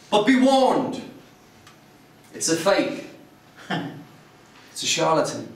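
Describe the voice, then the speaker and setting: A man's voice: fairly high pitch, a little hiss or hum. A man giving a prepared speech to a club audience, theatrical, wry and emphatic. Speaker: club public speaker. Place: club meeting room. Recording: very echoey room, voice from far off.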